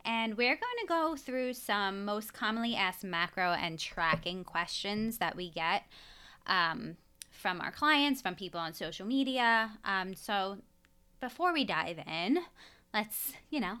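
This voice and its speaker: Young woman podcast co-host, chatty and laughing easily, with a bright, forceful voice. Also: medium pitch, expressive, unhurried, clear, resonant tone. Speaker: podcast co-host, nutrition coach. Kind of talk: casual chat.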